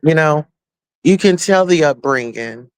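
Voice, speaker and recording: A man with a high, smooth voice talks straight to his viewers in casual commentary. He is chatty and slangy, and keeps slipping into preachy asides. The sound is dry and close. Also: expressive, unhurried, no room sound. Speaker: YouTube commentator.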